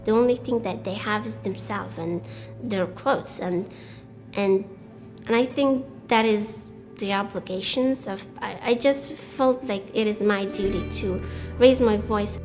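A young woman from Afghanistan, a student, speaking earnest English as a with some restarts, interviewed in a bright room. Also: medium pitch, a little slow, soft background music. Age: young adult.

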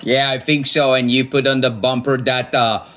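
Faint hiss or hum accompanies this forties-aged amateur radio operator, whose voice is medium-pitched, level and a bit bright at a moderate pace. In casual ham radio chat he comes across friendly, chatty and keen on old radios.

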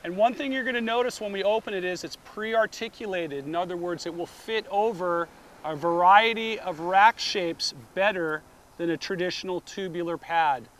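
Middle-aged guy showing off a roof rack at the beach, slightly high voice, walks you through each step. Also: moderate pace, fairly bright tone. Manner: plain step-by-step instructions. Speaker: product demonstrator. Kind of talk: product demonstration. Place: outdoors at a beach beside a car.

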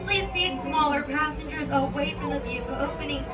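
A woman conductor making brisk, formal station announcements on a train. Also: high voice, muffled recording. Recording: distant echoey speaker with loud crowd.

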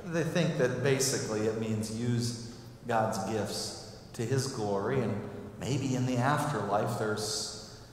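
A man's voice: mid-range voice, takes it slowly, slight background noise. A middle-aged man preaching a sermon as pastor in a conversational way, asking the congregation questions, recorded in a church sanctuary from far off. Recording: echoey hall from far off.

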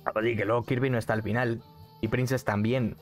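A man's voice: mid-range voice, fairly even intonation, fairly quick, faint music behind. A young man, chatting casually on a live stream from a neon-lit bedroom, repeating phrases and reading the chat aloud. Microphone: studio mic on arm, headset.

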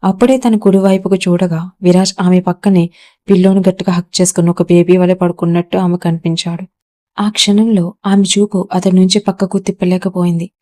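A woman's voice: fairly low pitch, warm tone. A woman narrating a romance story, reading the lines of the man and the woman herself in her own voice. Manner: reads both lovers' lines in her own voice.

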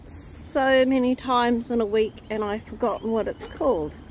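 A woman vlogging outdoors while walking her dogs, chatting in an easy, unhurried way to viewers and her pets, recorded on a handheld phone. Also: a little high, steady tone, darkish tone, slight background noise. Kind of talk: casual walk-and-talk vlog. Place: outdoors on suburban streets. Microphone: phone camera held while walking.

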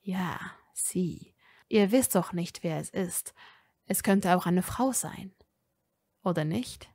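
A woman reading a fan audiobook, voicing a calm young wizard man who works as a lawyer, speaking low and measured. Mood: hushed.

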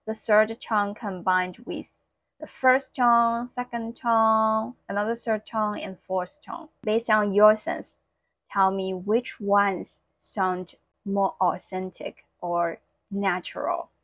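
A woman whose first language is Mandarin Chinese speaks English with a Mandarin accent, teaching an online lesson slowly and clearly and demonstrating tones. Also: medium pitch, level tone, dry recording, highs cut off.

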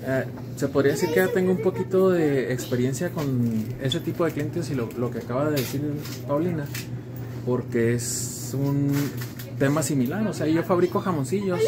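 A young man with a Mexican Spanish accent, chatting casually while filming in a small grocery store on a handheld camera. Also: a little high. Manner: chatty, conversational, wandering asides. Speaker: vlogger, snack maker. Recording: noisy shop background.

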